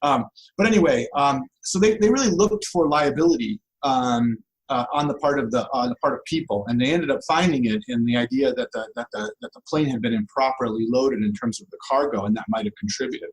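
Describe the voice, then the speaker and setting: Heard on poor audio, this male law professor talks a bit fast in a mid-range voice. He's the expert guest in an interview, keeping his explanations informal and asking rhetorical questions to keep listeners with him.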